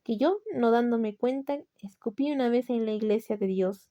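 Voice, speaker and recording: A woman's voice: a little high, moderate pace, dull audio, natural voice. A woman with a Latin American Spanish accent voicing a dying male sinner who feigns tearful, humble piety in a storybook reading. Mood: pious. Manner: tearful, pleading, feigned humility. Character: dying male sinner, false pious penitent.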